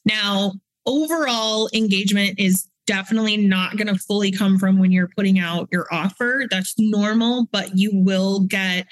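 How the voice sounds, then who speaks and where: A woman's voice: mid-range voice, normal speed, hardly any pauses, no room sound, poor audio. A woman guest on a podcast, a business coach explaining how to build online community in a casual, advice-giving way with frequent fillers. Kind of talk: casual interview chat.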